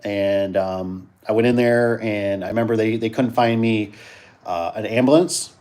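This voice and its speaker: A man's voice: fairly low pitch, a little slow, darkish tone. A man chatting casually as host of a live stream, rambling and repeating himself while reacting to viewers.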